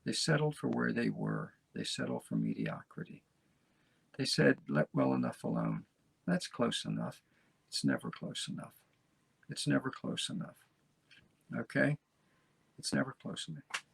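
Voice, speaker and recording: A man in his seventies hosting a talk show, folksy and rambling, encouraging his listeners with a gravelly voice. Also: medium pitch, huge pitch swings, measured pace, pauses often, no room sound. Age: 70s. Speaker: podcast host. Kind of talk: motivational casual talk.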